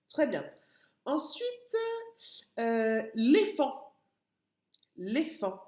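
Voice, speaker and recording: Woman, kindergarten teacher, phonics lesson, patient, syllable by syllable, medium pitch, roomy echo. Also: a little mellow. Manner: slow, syllable-by-syllable, patient explaining. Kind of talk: phonics lesson for young children.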